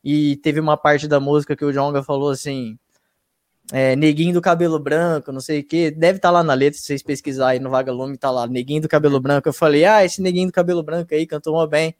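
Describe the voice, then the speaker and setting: A man with a fairly high, level voice talks fast, recorded dry with clean studio sound. He's a YouTube reaction channel host appearing as a guest in a casual interview, telling his story in an emphatic, slangy way. He swears freely and keeps checking in with listeners, often asking "tá ligado?".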